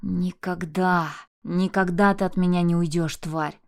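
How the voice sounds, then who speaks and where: A woman reading an audiobook, voicing a cruel, abusive husband who sneers and shouts insults. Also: mid-range voice, a little slow, close to an everyday voice. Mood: raging. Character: abusive enraged husband, man, cruel and mocking.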